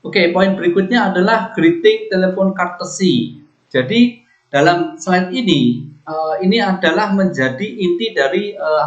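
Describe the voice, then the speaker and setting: A man working as a hospitality trainer, giving an unhurried instructional lecture over slides and explaining each point step by step. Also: on the high side. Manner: unhurried, explanatory, ends points with a tag phrase. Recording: echoey room, dull lo-fi sound.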